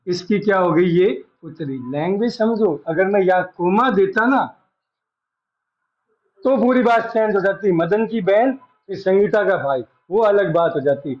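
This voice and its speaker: A man with a fairly high voice gives a classroom reasoning lesson, taking his time and going over each phrase again. The recording sounds dull and lo-fi. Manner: slow, repeats each phrase while explaining. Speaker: reasoning teacher. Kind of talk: classroom lecture.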